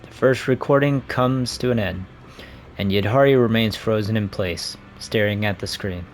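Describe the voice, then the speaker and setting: A man's voice: fairly low pitch, moderate pace, soft background music. A man playing through a game, reading the story text aloud and commenting, with small slips and restarts. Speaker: game player narrating.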